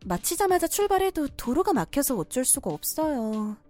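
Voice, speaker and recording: In a cartoon story drama, a woman voices a young daughter-in-law with a high, very animated voice that swings widely in pitch at a moderate pace. Polite and courteous at first, she then pushes back firmly, with soft music playing underneath.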